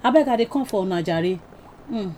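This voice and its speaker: A woman's voice: mid-range voice, expressive, brisk, warm tone, a little hiss or hum. A woman with a Nigerian accent presenting scripted commentary in Nigerian Pidgin, with a scolding, rhetorical manner. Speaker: show presenter.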